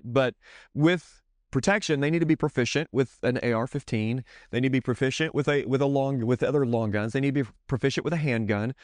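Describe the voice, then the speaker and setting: A man's voice: medium pitch, dry recording, clean studio sound. A middle-aged man talking to other parents in a casual teaching style, earnest and rambling, often stopping to correct himself.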